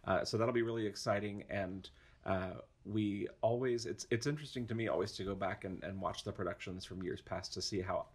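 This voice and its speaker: A man's voice: fairly low pitch, fairly quick, breathy edge. A man, an opera education director, chatting enthusiastically in a casual podcast interview, with many fillers and restarts.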